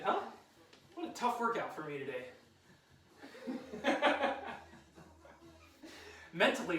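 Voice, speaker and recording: High-voiced male fitness coach, roomy sound. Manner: upbeat, encouraging, joking. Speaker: fitness instructor. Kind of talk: live workout coaching with countdown cues. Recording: roomy sound, mic at a distance.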